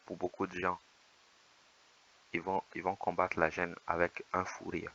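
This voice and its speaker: A man with a low, creaky, fairly monotone voice gives patient voice-over advice as a dating coach. His tone is bright and edgy despite the depth, and the recording sounds a little dull and lo-fi. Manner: measured, reassuring, explanatory. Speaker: dating coach commenting on footage. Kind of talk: calm voice-over commentary.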